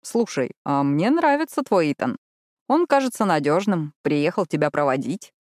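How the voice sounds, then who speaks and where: A woman voicing a calm middle-aged father who speaks in a matter-of-fact way. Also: low-pitched, moderate pace, dry recording, clean studio sound. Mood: approving.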